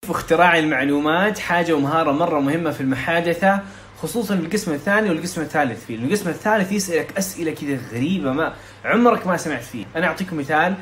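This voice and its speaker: A young man from Saudi Arabia, tutoring casually for an exam, talking quickly and chattily with frequent restarts and English terms mixed in. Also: fairly high pitch, fairly bright tone, a little hiss or hum. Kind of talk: casual explanatory lesson.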